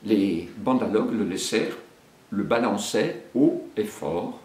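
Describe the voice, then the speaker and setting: A man reading a children's story aloud at an unhurried pace, with a voice that rises and falls expressively. His pitch sits in the middle range, and the room gives his voice a clear echo. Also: lively intonation, darkish tone. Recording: echoey room.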